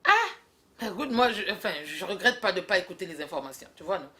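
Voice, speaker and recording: A woman's voice: lowish voice, animated, fast talker, fairly bright tone. A young woman in a comic back-and-forth, teasing and scolding with frequent laughter. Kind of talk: comic two-woman dialogue.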